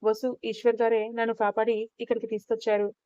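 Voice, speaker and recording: A woman reading a story puts on a young wife who speaks earnestly through tears of relief and thanks. The voice is mellow and slightly high. It sits close and dry on a dull, lo-fi recording. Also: level tone, a little fast, no room sound, lightly acted. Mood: relieved. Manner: tearful, earnest. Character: young wife, grateful and emotional.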